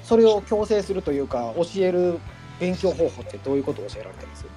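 A man's voice: high voice, sing-song, fast talker, over music. A male host asking polite, hesitant questions with many fillers in a casual online audio chat. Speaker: podcast host.

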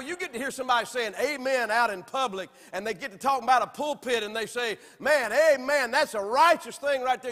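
In a church sanctuary whose long reverb trails after his words, a high-voiced Southern pastor from Alabama delivers a sermon. His preaching moves from loud, emphatic lines to soft, hushed ones.

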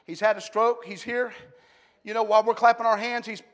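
High-voiced preacher with long reverb. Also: male voice, fairly even intonation, brisk. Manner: swings from hushed to shouted preaching. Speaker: pastor. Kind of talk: Pentecostal sermon. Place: large church sanctuary.

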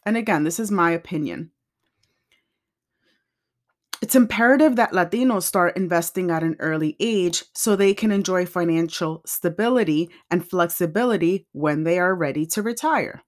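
A woman hosting her own personal finance podcast, talking in a chatty, opinionated, conversational way. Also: medium pitch. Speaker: podcast host. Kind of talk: casual podcast talk.

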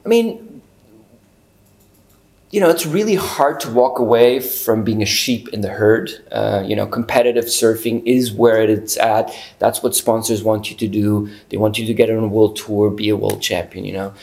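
A man's voice: on the low side, moderate pace, creaky, darkish tone. A man, a guest chatting casually in an interview, easygoing and full of fillers. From Portugal. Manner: easygoing, many fillers and restarts.

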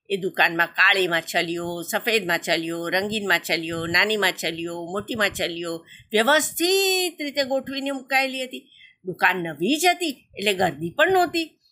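A woman tells a children's story about a crow family with lively, animated expression. Her voice is bright and forward, sitting at an ordinary pitch for a woman.

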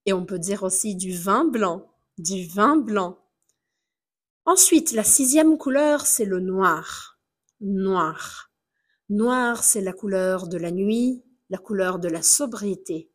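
A woman hosts a language-learning podcast as a teacher. She talks at a gentle, unhurried pace in a mid-range voice. She repeats key words carefully so listeners can say them back. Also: medium pitch, animated. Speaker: French teacher and podcast host.

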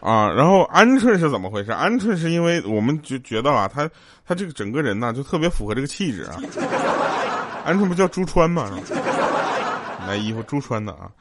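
Male comedy host, laughing through quick anecdotes, acts out characters, faint hiss behind. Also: medium pitch. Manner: chuckles often while telling jokes; quotes characters in raised, lively voices. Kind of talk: joke-telling comedy chat.

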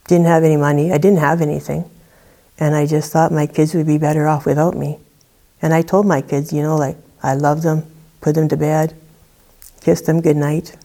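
Woman, testimony guest, deep mellow voice, chatty storytelling. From Saskatchewan, Canada. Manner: conversational storytelling with many "you know" and "like" fillers. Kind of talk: personal testimony.

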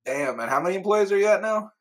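A man's voice: high voice, expressive, quick pace. A man chatting casually as an interviewer, with slangy, hyped frat-bro banter. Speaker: podcast host interviewing a guest. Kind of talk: casual chat.

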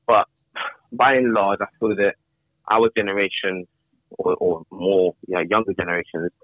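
A man's voice: deep voice, flat delivery, normal speed, dry recording, narrow, tinny audio. A young man chatting as a guest on a podcast, reflective and hesitant, often repeating words as he thinks. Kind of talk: casual podcast conversation.

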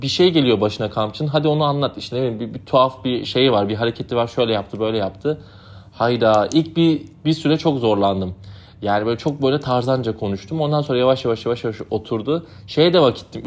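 A man's voice: medium pitch, fast talker. A young man, a native Turkish speaker, casually recounting his summer as a camp counselor in a rambling, chatty way full of fillers. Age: young adult. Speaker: podcast host. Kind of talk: casual storytelling.

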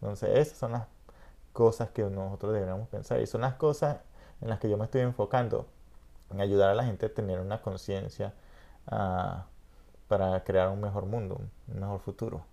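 This podcast host is a middle-aged Venezuelan man with a fairly low, gravelly, dark voice, steady and moderately paced. His casual talk wanders reflectively, with frequent "¿entiendes?"

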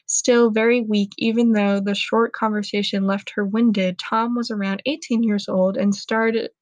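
A woman's voice: medium pitch, flat delivery, measured pace, a little mellow, no room sound, poor audio. A young woman reading her own book aloud, telling it dramatically and stopping now and then to comment on it with amusement. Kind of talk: casual reading aloud with asides.

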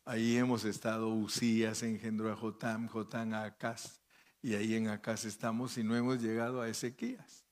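A man's voice: lowish voice, little pitch movement, normal speed. A man preaching as a pastor, reading scripture aloud and commenting between the verses, often checking in with his listeners with short questions. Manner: checks in with listeners by asking "¿sí?" and "¿verdad?". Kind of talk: sermon with Bible reading.

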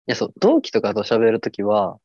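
This is a man speaking with a Kansai accent in a relaxed comedic chat. He teases his co-host with quick comebacks. The sound is dry and a little dull, as in a lo-fi home podcast. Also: fairly low pitch, slightly rough, dry recording. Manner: joking, teasing, quick comebacks.

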